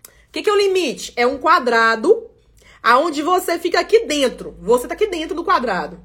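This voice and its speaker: A woman's voice: high voice, very animated, normal speed, fairly bright tone. A woman mentor hosting a live motivational talk, acting out listeners' complaints in quotes. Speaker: mentor and podcast host.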